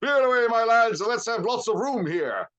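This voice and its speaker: A man's voice: extremely high pitch, animated, moderate pace, fairly bright tone, voice pushed up. A man voicing a jovial, stout old employer with a rich, oily voice in a storybook reading.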